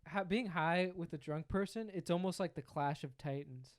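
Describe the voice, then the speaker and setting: A man's voice: on the high side, normal speed, dry recording, clean studio sound. A young man co-hosting a podcast, easygoing and teasing, with a few ums in casual chat. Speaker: podcast co-host.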